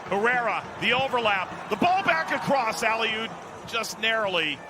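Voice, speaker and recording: Expressive and high-voiced, a man delivers live soccer play-by-play at a moderate pace, snapping out players' names in short bursts. The commentary sits over a noisy stadium crowd.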